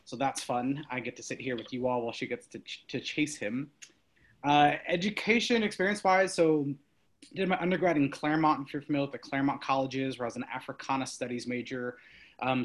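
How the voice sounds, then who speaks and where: A man's voice: medium pitch, brisk. A man in his thirties from Los Angeles, giving an earnest, upbeat personal introduction with some fillers. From Los Angeles, California.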